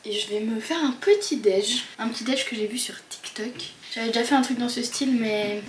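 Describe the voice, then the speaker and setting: Chatty young woman, slightly high voice. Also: a little fast, slight background noise. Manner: chatty, informal, full of fillers and slang. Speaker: vlogger. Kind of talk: casual vlog chat.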